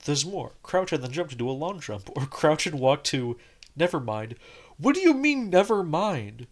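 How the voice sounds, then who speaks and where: This higher-pitched man sounds very animated at a normal pace as he chats through a game. His let's-play talk wanders, leans heavily on "like," and keeps starting over, with game music in the background.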